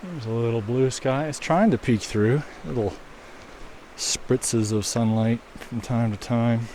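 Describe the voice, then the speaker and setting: A man walking a snowy trail outdoors and chatting casually to his viewers, relaxed and musing, with a mic on the camera. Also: mid-range voice, a little slow. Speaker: walking video host. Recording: outdoor recording with stream noise.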